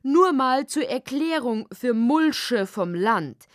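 A woman voicing a cheeky male hedgehog in a storybook, mocking and snappish with lively swings in pitch. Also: takes it slowly, no room sound, studio quality. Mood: snippy.

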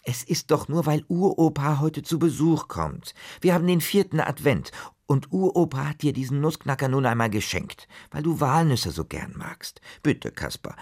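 A man voicing a patient mother who gently coaxes her son in a children's story. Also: very high voice, vocal fry, pitched above the performer's own voice. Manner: soothing, coaxing. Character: patient mother calling from the cellar.

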